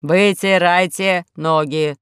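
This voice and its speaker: Gloomy robot safe for a storybook, woman reads it, slow, loud, grumbling, close and dry. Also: lowish voice, fairly even intonation, smooth, dry recording.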